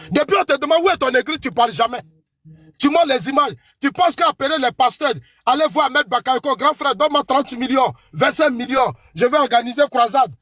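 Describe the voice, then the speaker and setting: Speaking with an Ivorian French accent, this man accuses his political opponent by name over and over and delivers preachy warnings invoking God's judgment. He argues hotly in an unusually high, husky male voice with a slightly bright edge. The close, dry recording has no echo.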